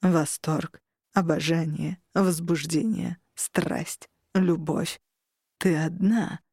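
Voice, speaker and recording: A scheming male incubus from a fantasy audiobook hisses and purrs in a lowered voice, acted out by a woman reader. The sound is dry and close, with no room around it. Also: fairly even intonation, takes it slowly, a little mellow, husky, no echo, heavily acted. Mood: menacing. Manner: hissing, low and menacing.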